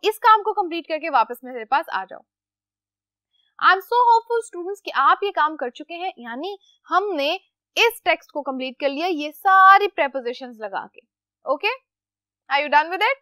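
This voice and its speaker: A woman's voice: high voice, expressive, measured pace, bright, forceful tone, no echo, studio quality. A woman teacher, explaining a lesson to children patiently, asking questions and answering them herself. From Pakistan.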